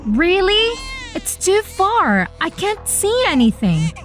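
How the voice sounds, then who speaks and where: A woman narrates an animated story in the first person as its earnest young heroine, using a high, swooping, exaggerated voice at a slow pace. Eager and pleading, she performs expressively and dramatically, acting out dialogue over background music.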